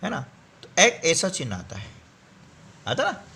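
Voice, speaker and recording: A man's voice: on the high side, wildly swooping pitch, measured pace, pushed and bright. A man teaching a workbook lesson, explaining step by step and often checking in with his students.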